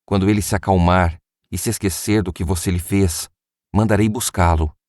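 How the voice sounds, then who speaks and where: A man's voice: low-pitched, steady tone, moderate pace, darkish tone, no room sound, clean studio sound, natural voice. A man reading the words of Rebekah, a mother warning her son in an urgent, earnest way.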